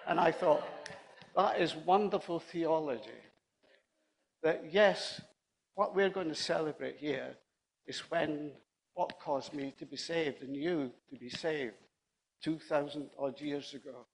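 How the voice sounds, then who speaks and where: Slow, conversational male preacher. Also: on the high side, creaky, breathy edge, low-quality recording. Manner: conversational, anecdotal, repeats himself. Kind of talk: sermon.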